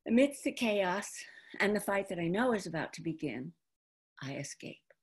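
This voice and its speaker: This is a roughly seventy-year-old stage actress from New York, acting out a theatrical monologue drawn from her life. Her mid-range voice is husky and her delivery expressive and deliberate. She's indoors at home by a folding screen, using a computer video call microphone.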